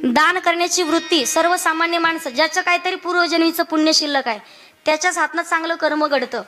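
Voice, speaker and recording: A woman preacher giving a devotional kirtan sermon, asking the audience questions and slowly singing verses. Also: extremely high pitch, bright, forceful tone, faint music behind. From Maharashtra, India.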